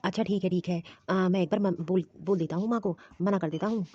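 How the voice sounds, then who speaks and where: Fast-talking young husband in a cartoon, coaxing and rambling, with a woman acting him out. The tone sits mellow and a little husky. The recording is dull and lo-fi. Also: lowish voice, steady tone, dry recording. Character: young married husband, pleading and easygoing.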